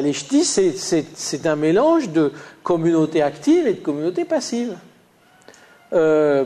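A man lecturing a class in a somewhat high yet mellow voice, with a light Lyonnais accent. He stops and starts often, filling gaps with hesitant sounds. He talks the listeners through slides. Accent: Lyonnais French, slight. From Lyon, France. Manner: hesitant, many "euh" fillers and restarts.

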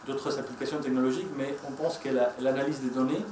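This conference speaker talks fast, with a darkish, medium-pitched voice and fairly even intonation. He has a Spanish accent and Spanish as his first language, and his hesitant presentation is full of fillers and restarts. A distant mic in an echoey room catches a little hiss or hum.

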